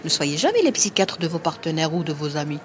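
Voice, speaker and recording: A Moroccan woman with a Moroccan accent, a doctor hosting a live stream, speaking emphatically and forcefully in a slightly tired voice. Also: deep voice, very animated, fast talker, background noise. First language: Arabic. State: a bit tired. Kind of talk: live-stream talk to viewers.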